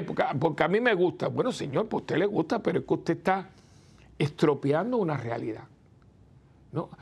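Gravelly-voiced priest talking with his listeners. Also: fairly high pitch, a little mellow. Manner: chatty, asks the listeners rhetorical "¿no?" questions; acts out the people he quotes. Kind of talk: conversational preaching talk.

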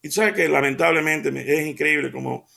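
A man's voice: a little high, a little fast, vocal fry, sharp tone. An older man hosting a radio devotional, talking in an earnest, folksy way with many hesitant fillers.

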